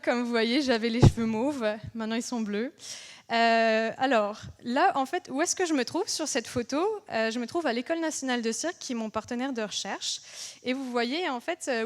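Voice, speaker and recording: A young woman from France gives an interactive engineering lecture in a French accent. Her voice sits a little high. She speaks loosely and chattily, often pausing on fillers to check in with her listeners. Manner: chatty, asks the audience questions, many fillers. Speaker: engineer giving a public lecture. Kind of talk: interactive public talk.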